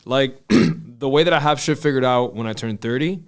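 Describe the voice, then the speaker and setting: A man's voice: medium pitch, normal speed, clean tone. A man in his early thirties hosting a podcast, talking in a loose, rambling, casual way with plenty of swearing and filler. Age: 30s. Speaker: podcast host. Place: Miami.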